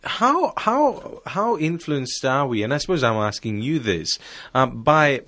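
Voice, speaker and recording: A man's voice: mid-range voice, sing-song, measured pace, sharp tone. A man hosting a radio panel, asking his guests questions and feeling his way through them as he goes. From Australia. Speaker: radio host.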